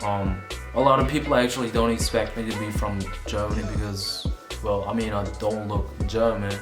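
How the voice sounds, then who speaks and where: A lowish male voice with a steady tone and moderate pace belongs to a Vietnam-born vlogger and musician in his twenties. He talks casually to the camera about music, a bit self-conscious and sometimes swearing, over music in a roomy-sounding space.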